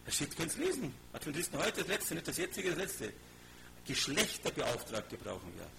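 A man preaches to his congregation in a fairly high voice, swinging from raised, impassioned outbursts to low, muttered asides. He acts out little conversations as he goes. A steady hum sits clearly behind the recording. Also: moderate pace, poor audio. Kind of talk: informal sermon to a congregation. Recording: audible background hum.

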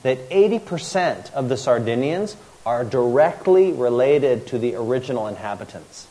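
Male speaker, lecture delivered in short bursts for an interpreter, middle-pitched voice. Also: expressive, dark tone. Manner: pauses after each sentence for translation. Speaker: speaker giving a talk on longevity.

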